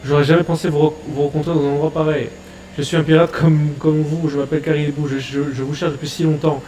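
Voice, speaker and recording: Man reading a pleading pirate fanboy, eager, a touch high-pitched, comic-reading feel. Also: little pitch movement, fast talker, mellow, echoey room, recorded from a distance, close to an everyday voice, low-quality recording.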